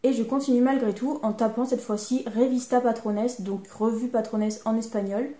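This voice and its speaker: A woman's voice: a little high, steady tone, fairly quick, warm tone. A woman with a French accent, telling a sewing vlog story in a chatty, self-mocking way. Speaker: sewing vlogger. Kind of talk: casual vlog narration. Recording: echoey room.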